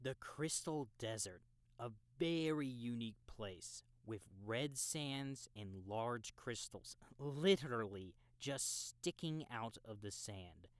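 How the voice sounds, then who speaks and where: Acting out an audiobook character, a man plays a relaxed young veteran gamer who explains things to a newbie with casual know-how. His medium-pitched voice is animated, he takes his time, and there's no echo. The feel is knowing and explanatory.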